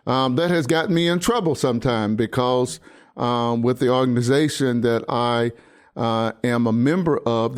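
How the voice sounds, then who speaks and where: Sixties male pastor hosting his own podcast monologue, mid-pitched, resonant, stop-start and sincere. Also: a little mellow, smooth. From United States. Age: 60s. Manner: halting, many restarts and fillers, earnest. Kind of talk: personal commentary monologue.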